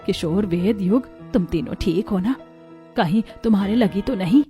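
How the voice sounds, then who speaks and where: A woman does cartoon voice acting as a stern mother who favors her sons, scolding harshly in a lightly acted performance. Her voice is medium in pitch, warm and moderately paced, with soft music in the background.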